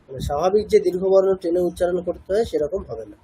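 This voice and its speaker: A man's voice: high-pitched, rapid-fire, dark tone, slightly rough, low-quality recording. A man teaching chanting pronunciation in a patient class lesson, asking questions and answering them himself. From India. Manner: patient, asks and answers his own questions.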